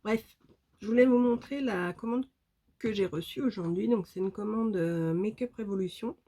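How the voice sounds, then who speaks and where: A woman's voice: medium pitch, normal speed, warm tone. A woman beauty vlogger chatting casually and enthusiastically to her viewers about makeup, with lots of fillers. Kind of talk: casual makeup vlog chat.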